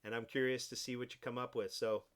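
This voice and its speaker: A man teaching a design class, walking students through software steps in a relaxed, explaining way. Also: medium pitch, fast talker, clean tone. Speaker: design instructor. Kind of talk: software tutorial.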